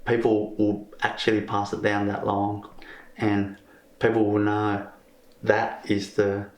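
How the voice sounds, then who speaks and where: A man from Vietnam who answers interview questions haltingly, searching for his words. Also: lowish voice, monotone. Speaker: crystal healer being interviewed. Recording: roomy echo.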